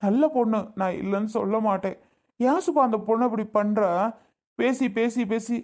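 A woman's voice: fairly high pitch, moderate pace, a little mellow, lightly acted. A woman playing a young married man torn between his wife and his sister, who pleads and then accuses in an amateur family drama skit. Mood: bitter.

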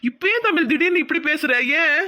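A woman's voice: very high voice, lively intonation, brisk, bright, forceful tone, heavily acted. A woman voicing a lovesick young village man who coaxes and pleads affectionately in a cartoon. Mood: pleading. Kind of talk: cartoon voice acting.

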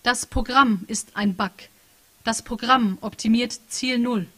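A woman voicing a rogue computer program, speaking slowly with formal, measured phrasing at an author reading. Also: a little high, bright, forceful tone. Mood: flat. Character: stiff literal-minded rogue computer program. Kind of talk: author reading a novel aloud.

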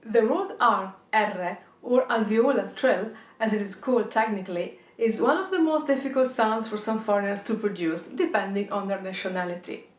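A woman's voice: medium pitch, normal speed, hardly any pauses. Italian-accented woman teaching rolled R exercises, roomy sound. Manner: demonstrates rolled R exercises, enunciating example words. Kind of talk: instructional pronunciation lesson. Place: indoor studio with plain backdrop.

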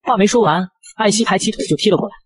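A man narrating a manga recap in a brisk, breathless scripted delivery. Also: high-pitched, slightly rough.

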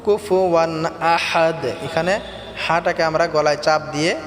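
A man teaching Quran recitation, chanting verses slowly and melodically, then explaining pronunciation quickly in a Bangladeshi Bengali accent. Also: on the high side, steady tone, slight background noise. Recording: echoey reverberant room with faint background music.

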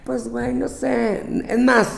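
In a full character voice that is very high-pitched, gravelly and level, a man slowly plays a bossy young Mexican woman with a Mexican accent. She lectures her girlfriends in a brash, profane, scolding comic rant, full of sass and mocking quoted voices. It's recorded in a roomy, echoey space.

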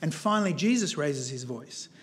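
A man with a high voice delivers a sermon in a church. He speaks earnestly and with emphasis. He retells a story with a shifting pace. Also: lively intonation, normal speed. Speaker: guest preacher.

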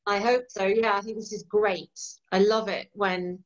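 A woman author in her forties, originally from East Yorkshire, England, is being interviewed in a casual video-call chat, surrounded by bookshelves at home. Her voice is mid-range and steady at normal speed, carrying a mix of Yorkshire and Irish accents, and she laughs easily and sounds keen. The recording is dull and lo-fi.

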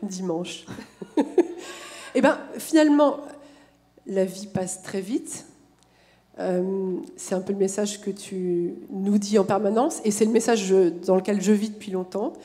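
French woman in her 40s, talks slow and soft, giggles a lot, echoey hall. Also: mid-range voice. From France. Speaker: guest.

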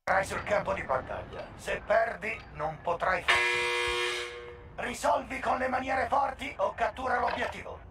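A man's voice: high-pitched, expressive, measured pace, pauses often, bright, forceful tone, breathy edge, no echo, faint music behind, full character voice. A man voicing a stern male video game announcer who gives battle instructions in a commanding, scripted way.

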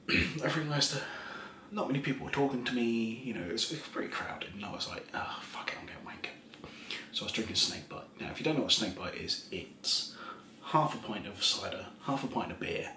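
A tipsy man in his thirties telling a rambling ASMR story in a soft voice, chuckling often and slipping into half-whispers. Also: on the low side, gravelly. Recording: roomy echo, faint background hiss.

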